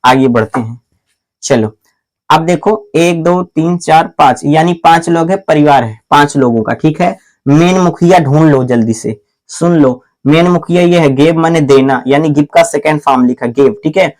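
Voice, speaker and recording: A man teaching a grammar lesson in a classroom style, asking questions and answering them himself over and over, calling the viewer "my brother" and spelling out letters slowly. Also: on the high side, darkish tone. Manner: repetitive call-and-response questioning, answers his own questions; slow, deliberate spelling out of letters.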